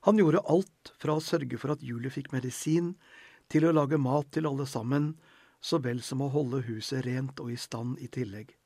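Brief: male narrator, husky mid-pitched voice, measured scripted reading, dry booth sound. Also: warm tone, no echo.

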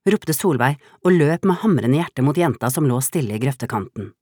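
A woman reading a novel aloud as the narrator, in a calm, steady way. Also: very deep voice, no room sound, clean studio sound. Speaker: audiobook narrator. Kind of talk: scripted narration.

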